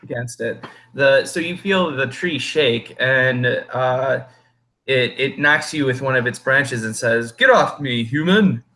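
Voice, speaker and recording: A man narrating a tabletop game as game master, improvising in a halting way. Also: medium pitch, bright, forceful tone.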